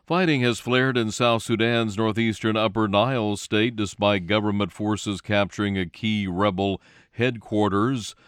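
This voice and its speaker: A man's voice: lowish voice, steady tone, measured pace, hardly any pauses, fairly bright tone, clean tone, no room sound, clean studio sound. A man reading scripted radio news as the anchor.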